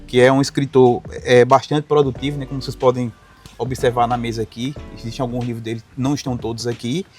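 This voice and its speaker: A man hosting an interview in a friendly, unhurried way. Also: medium pitch, level tone, a little mellow, faint music behind. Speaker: interviewer, host.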